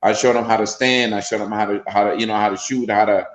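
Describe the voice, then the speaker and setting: A man's voice: lowish voice, steady tone, fast talker, roomy sound, poor audio. A man from Honduras with a Honduran accent, a player's father talking casually in an interview, rambling with many fillers and restarts.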